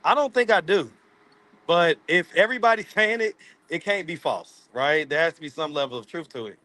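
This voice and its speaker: A man's voice: a little high, a little fast, sharp tone, no echo. A man, hosting a casual live stream from his phone, loose and playful, laughing often. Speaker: livestream host. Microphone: phone camera.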